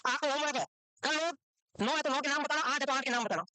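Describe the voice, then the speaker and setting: A woman's voice: high-pitched, fast, bright, forceful tone, no echo. A woman teaching a nursing exam class in a classroom, quizzing her students and scolding them for not knowing the answers. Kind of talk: classroom lecture.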